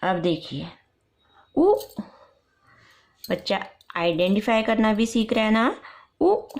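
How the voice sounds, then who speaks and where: A woman teaching young children's letter sounds step by step for parents, repeating each sound slowly. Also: medium pitch, big pitch swings. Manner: slow, repetitive, drawn-out letter sounds. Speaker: nursery teacher.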